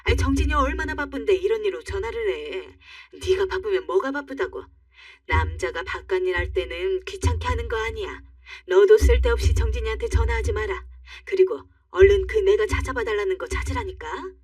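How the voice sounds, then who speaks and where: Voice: medium pitch, expressive, brisk, no room sound, clean studio sound, distant mic, lightly acted. A reader doing a bossy older mother-in-law. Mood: scolding. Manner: curt, ordering tone.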